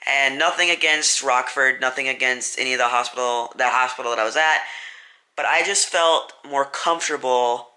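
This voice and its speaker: Young guy, casual storytime vlogger, bright voice, rambly and self-correcting. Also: mid-range voice, moderate pace. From US Midwest.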